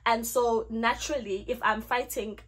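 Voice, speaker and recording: Her pitch is a little high and her pace moderate as this young Zulu-speaking vlogger from South Africa recounts a storytime tale. She's animated throughout, performing her own lines in the retelling.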